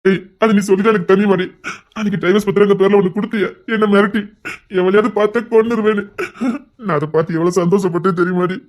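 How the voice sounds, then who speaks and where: A performer voicing a devoted young husband who swears loyalty to his crying wife and scolds others loudly, in a Tamil romance audio drama. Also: medium pitch, fairly even intonation, fast talker, lightly acted. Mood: pleading, scolding.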